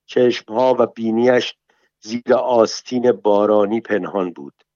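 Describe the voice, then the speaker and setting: A man narrating a first-person story as an audiobook, in a calm, measured and plain manner. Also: on the low side, no echo, dull audio.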